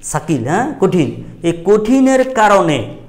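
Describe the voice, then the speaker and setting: A man's voice: sits high, big pitch swings, slow, darkish tone. A middle-aged man, teaching a grammar lesson at a madrasa and quizzing his students with repeated questions.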